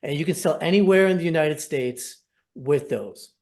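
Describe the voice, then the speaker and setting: A man's voice: fairly high pitch, moderate pace, darkish tone. A man hosting a casual sales webinar over a video call, talking in an upbeat, persuasive and rambling way. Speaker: program host.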